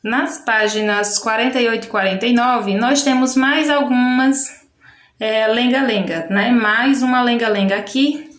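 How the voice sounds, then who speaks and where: A woman teaching a children's workbook lesson with Brazilian Portuguese speech, patiently slowing down to spell out syllables. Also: on the high side, fairly even intonation. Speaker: primary school teacher. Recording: echoey room.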